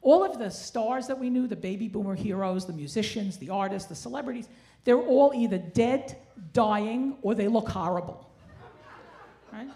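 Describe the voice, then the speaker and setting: Speaking at a normal pace, this sixties-aged comedian has a fairly high, warm voice as she delivers wry, self-deprecating, Yiddish-flavored kvetching. She's performing stand-up indoors on a theatre stage with a handheld mic, and the recording carries live stage ambience and clear noise.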